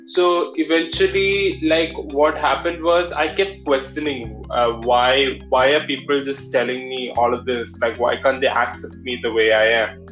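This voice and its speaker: A man with a Malayali Indian English accent telling his own story as an interview guest, in a halting way with plenty of filler phrases. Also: medium pitch, fairly bright tone. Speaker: interview guest, drag performer. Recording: dull lo-fi audio with music.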